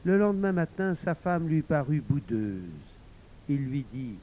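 A man narrating a folk tale in a measured, expressive storytelling voice. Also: on the high side, slight background noise, low-quality recording.

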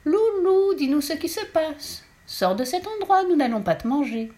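A woman's voice: sits high, lively intonation, a little fast, voice pushed up. A woman voicing a vampire mother who cries out in alarm and then coaxes sweetly. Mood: coaxing.

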